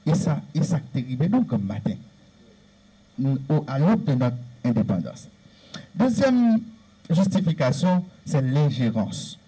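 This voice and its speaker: A man's voice: fairly high pitch, big pitch swings, a little slow, dark tone, husky, low-quality recording. Earnest man with a Haitian Creole accent. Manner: earnest, repetitive, emphatic listing. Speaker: speaker on Haitian history. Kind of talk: lecture-style talk.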